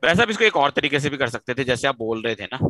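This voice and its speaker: A man's voice: mid-range voice, big pitch swings, quick pace, pushed and bright, no room sound, low-quality recording. A man teaching a physics class in a mix of Hindi and English, quizzing students to draw out answers. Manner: questioning, coaxing students to answer; mixes Hindi with English terms. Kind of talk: live online physics class.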